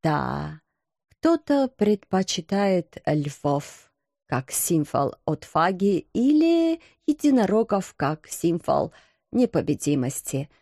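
A woman's voice: deep voice, no room sound, studio quality, exaggerated voice. A woman doing a timid, gloomy knight. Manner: soft, sad and hesitant. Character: timid, gloomy, thin stooped male knight.

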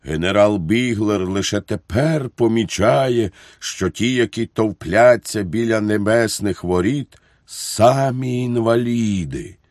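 Man reading an audiobook, deep voice, slow and steady, dry mic. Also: no room sound. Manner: measured, deliberate reading. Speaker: narrator. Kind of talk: audiobook narration.

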